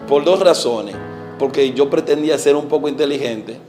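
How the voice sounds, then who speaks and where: A man in his forties from the Dominican Republic speaks in a medium-pitched voice over music, recounting his testimony in an interview as an evangelist guest. His Dominican Spanish is earnest and hesitant, with many fillers and pauses, and his sentences trail off softly.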